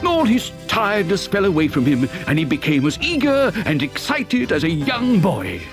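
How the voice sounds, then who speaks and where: A man's voice: sits high, huge pitch swings, normal speed, over music, full character voice. An actor playing an exuberant, boastful chocolate maker who tells a children's story theatrically, savouring his words. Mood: storytelling. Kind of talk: dramatised children's story narration.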